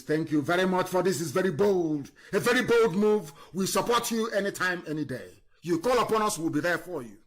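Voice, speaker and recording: A fiery man delivers a scornful political monologue on a live online stream, his voice sitting high. He drives points home with repeated jabs, then drops to a low mutter before rising again. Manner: fiery, scornful, repetitive insults; swings between loud emphasis and low muttering. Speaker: political broadcaster.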